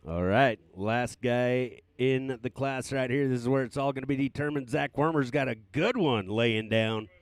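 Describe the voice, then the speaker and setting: A man co-commentating a live race, adding relaxed, conversational asides and calling times. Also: mid-range voice, normal speed, no room sound.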